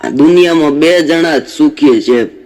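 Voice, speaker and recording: A man's voice: a little high, unhurried, a little mellow. A man doing stand-up comedy on stage, telling jokes as stories with quoted back-and-forth dialogue. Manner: storytelling jokes with quoted dialogue, rhythmic delivery. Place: stage before a live audience.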